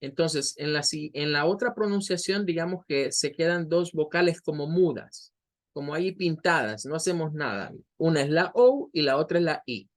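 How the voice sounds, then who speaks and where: A man's voice: on the high side, moderate pace. Patient male English teacher drilling pronunciation. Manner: explains step by step, checks in with students. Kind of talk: online class lecture.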